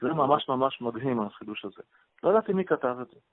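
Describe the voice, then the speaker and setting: A man's voice: medium pitch, animated. A man, a rabbi, telling a long story on a radio show, hesitant, with many fillers and restarts. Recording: tinny phone-line radio audio.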